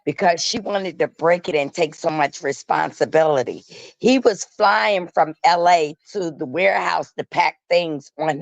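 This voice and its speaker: As a guest, a woman offers casual gossip commentary in an emphatic, matter-of-fact way, using colloquial phrasing. Her voice sits low and sounds gravelly, with no room sound. The call audio is dull and lo-fi.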